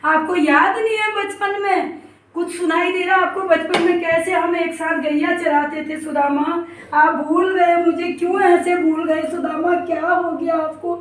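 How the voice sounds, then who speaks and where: A woman's voice: extremely high pitch, fairly even intonation, measured pace, recorded from a distance, a little hiss or hum, pitched above the performer's own voice. A woman playing the god Krishna, an emotional, coaxing young man who keeps calling out to his old friend. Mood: pleading. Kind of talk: devotional story enactment. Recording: roomy, voice from afar.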